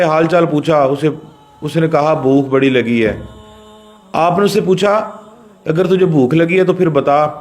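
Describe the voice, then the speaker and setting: Narrating a religious story in a fairly high voice, this Pakistani Urdu-accented pir preaches a sermon straight to his listeners. He shifts between quiet murmurs and raised, emphatic phrases.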